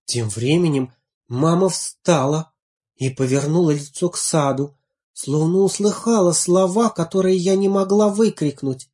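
A woman reading a fairy tale aloud in the first person, tender and expressive. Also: fairly low pitch, a little slow. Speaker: storyteller. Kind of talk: storybook reading.

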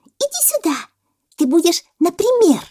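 A woman voicing an excitable, nosy young female monkey who keeps squealing demanding questions. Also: extremely high pitch, normal speed, voice pushed up. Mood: excited.

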